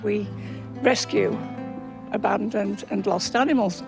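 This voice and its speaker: A woman in her seventies with a Cumbrian accent, talking casually to camera with halting pauses. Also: mid-range voice, vocal fry. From Cumbria, England. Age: 70s. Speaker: animal rescue charity founder. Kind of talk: casual documentary interview. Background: music.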